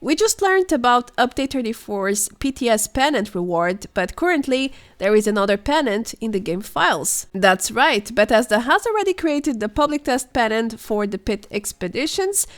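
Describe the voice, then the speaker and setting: Over her own footage, a young woman delivers scripted gaming news commentary, explaining and speculating in a measured way. Her slightly high voice swings widely in pitch yet sounds hoarse and worn, weakened by illness.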